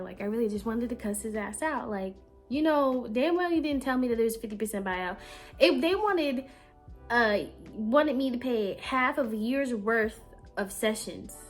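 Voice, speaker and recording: A woman, telling a casual storytime rant and acting out both sides of the dialogue, indignant and animated. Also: a little high. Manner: animated, quotes herself and others in dialogue, indignant. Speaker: vlogger.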